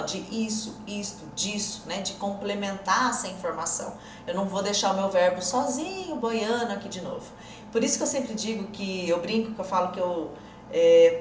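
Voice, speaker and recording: Woman teacher on a live stream, chatty and patient, mid-pitched voice in a roomy space. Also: far from the mic, a little hiss or hum. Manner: chatty, explains patiently, answers viewer comments, laughs often. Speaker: English teacher. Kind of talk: live-streamed English lesson.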